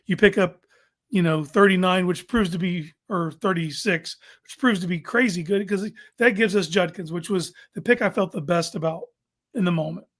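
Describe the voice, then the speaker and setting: A man's voice: high voice, normal speed, fairly bright tone. A man hosting a casual sports talk show, making his points informally and emphatically, repeating them for stress.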